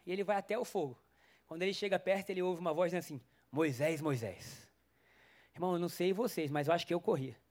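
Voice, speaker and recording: A male pastor, preaching a sermon passionately, swinging from loud exhortation to soft murmurs and acting out Bible figures. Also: sits high. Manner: acts out Bible figures in quoted voices. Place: church before a congregation.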